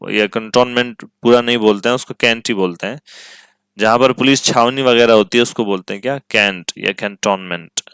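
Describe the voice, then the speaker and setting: A man's voice: mid-range voice, bright, forceful tone, clear, resonant tone, no room sound. A man teaching English vocabulary, repeating each word and its meaning and checking whether the class follows. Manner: asks "ठीक है?" to check understanding. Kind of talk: vocabulary lesson with translations.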